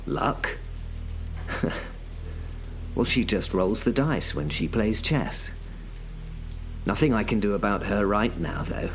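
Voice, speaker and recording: A man with a medium-pitched voice narrates a first-person horror audio drama as its lead character. His delivery is wry and self-mocking with dry British humour, and there is slight background noise.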